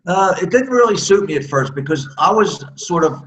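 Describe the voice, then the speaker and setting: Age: 60s. Sex: man. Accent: American. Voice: bright. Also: high voice, expressive, normal speed, rough recording. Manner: candid, self-deprecating storyteller. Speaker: former speedway rider, guest. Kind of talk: casual interview reminiscence.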